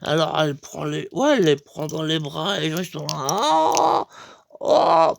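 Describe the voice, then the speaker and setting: A man telling a rambling comic story, full of fillers and sudden jumps in pitch for emphasis. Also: big pitch swings, moderate pace, gravelly. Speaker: comedian.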